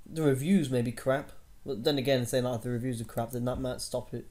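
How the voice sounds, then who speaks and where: Rambling young man, mellow voice. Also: medium pitch, fairly even intonation, fairly quick. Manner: rambling, many fillers and restarts. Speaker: co-host of a gaming news show. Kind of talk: casual chat.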